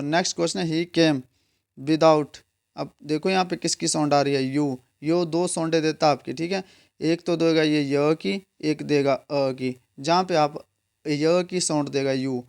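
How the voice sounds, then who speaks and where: Gravelly-voiced man teaching exam grammar. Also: on the high side. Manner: explains step by step, keeps asking and answering his own questions. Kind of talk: exam prep lesson.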